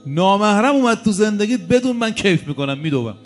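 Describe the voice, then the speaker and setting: A preacher voicing a sly coaxing Satan. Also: male voice, sits high, expressive, faint music behind, voice pushed up. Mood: gloating. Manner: coaxing, insistent. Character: sly wheedling male Satan, scheming tempter.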